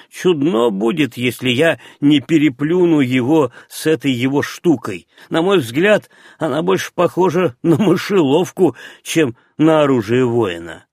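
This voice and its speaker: A man playing a burly archer, brash, teasing, gravelly voice, dry recording, storybook. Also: a little high, a little mellow, no echo, heavily acted. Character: big, broad-shouldered red-haired archer, brash man.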